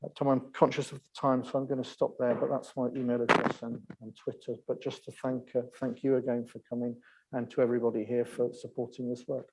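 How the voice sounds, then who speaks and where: Gravelly flat-voiced man, distant. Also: mid-range voice, heavy background noise. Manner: halting, with fillers. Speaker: speaker finishing a talk. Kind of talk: online presentation.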